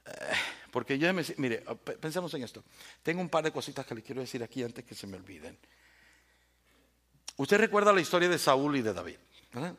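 A male pastor preaches with dramatic swings in a mid-range, slightly bright voice that is very animated and brisk, with frequent pauses. He poses rhetorical questions and speaks straight to the congregation, addressing listeners by name.

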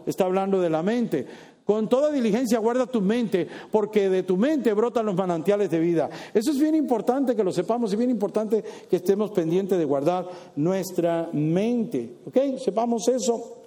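A man delivering a sermon in a lively, playful way, tossing teasing asides to his listeners. His voice sits high for a man, with a mellow, soft-edged tone. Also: moderate pace. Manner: animated, playful asides to the congregation. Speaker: preacher.

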